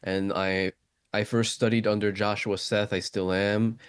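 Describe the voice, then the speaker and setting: A man training as a voice actor speaks on a casual video call with a deep, low voice. He sounds earnest and sometimes stops to search for his words. The sound is dry and close. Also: little pitch movement, a little slow, smooth, no room sound.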